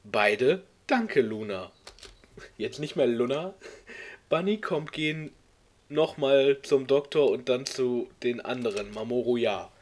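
A man hosting a comedic read-along, reading a clumsy fan story aloud and mocking it with exasperated jokes, sometimes squeaking into high voices for characters. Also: animated, slow pace. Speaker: video host.

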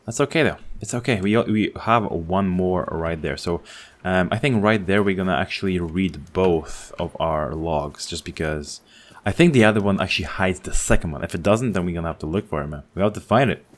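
Deep-voiced excitable man narrating gameplay. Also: brisk. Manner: excitable, chatty, thinks out loud. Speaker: gaming channel host. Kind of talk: casual let's-play commentary.

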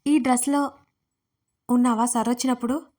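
A woman's voice: a little high, fairly even intonation, normal speed, a little mellow, close to an everyday voice. A woman reading as a teasing young woman friend.

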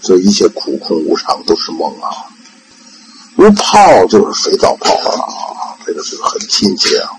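An old man giving an informal Buddhist talk in a gravelly voice. He rambles, repeats words and leans on fillers. A faint background hiss sits behind him. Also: on the low side, huge pitch swings, normal speed, low-quality recording. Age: older. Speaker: Buddhist lay teacher.

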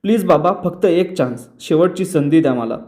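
A man's voice: a little high, expressive, moderate pace, darkish tone, pitched above the performer's own voice, lightly acted. A man reading the lines of a remorseful young man begging his father for another chance. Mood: pleading. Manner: pleading, apologetic.

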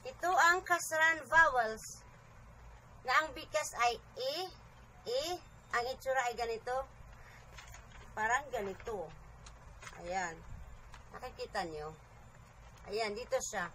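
A woman's voice: a little high, slow, pauses often, sharp tone, a little hiss or hum, low-quality recording. A woman giving a casual home video lesson, patiently repeating sounds one by one with chatty asides, sleepy at night. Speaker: online Arabic teacher.

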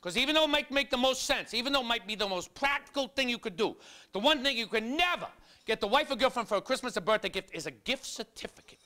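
High, forceful stand-up comedian man. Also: animated, fast talker. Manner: high, bright and forceful, acting out rants with shouted voices. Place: comedy club stage.

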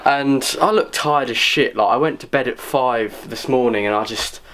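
In a casual vlog, a young adult man rambles to the camera, swearing and making fun of himself, occasionally short of breath. He speaks in a mid-range, fairly bright voice at a moderate pace.

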